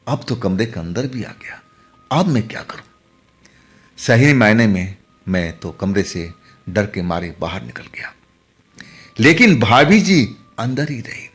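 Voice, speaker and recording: Guy telling a spooky true story, low voice, hushed, slips into whispers. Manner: hushed and dramatic, dropping to whispers. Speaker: horror storyteller. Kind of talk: first-person horror story narration.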